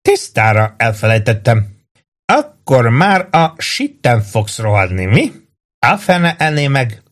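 A man reading aloud and voicing a drunk, blustering middle-aged army sergeant who talks loud and drawn out. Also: medium pitch, big pitch swings, lightly acted. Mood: swaggering.

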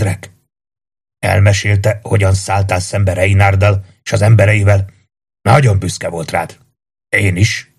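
A man voicing a gentle, fatherly old warrior in an audiobook, calm and soothing. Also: lowish voice, creaky, breathy edge.

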